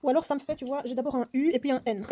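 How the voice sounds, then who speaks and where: A woman's voice: sits high, steady tone, racing, warm tone, a little hiss or hum. A woman solving a puzzle game on camera, thinking aloud, counting under her breath and mocking herself. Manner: mutters numbers to herself, often dropping to a whisper. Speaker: board game vlogger. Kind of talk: casual puzzle-solving vlog.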